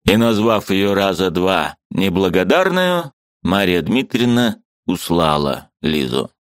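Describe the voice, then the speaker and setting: A man narrating a classic novel as an audiobook, expressive and measured. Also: deep voice, dry recording, studio quality.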